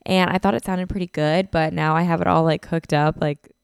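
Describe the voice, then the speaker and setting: Recording at home on a podcast mic in the living room of a beach house, this congested twenty-something woman hosts a casual solo podcast, chattering with plenty of "like" and "um." Her voice sits on the low side, creaky yet clear and resonant, with fairly even intonation and a fairly quick pace. The sound is clean studio quality with no room sound.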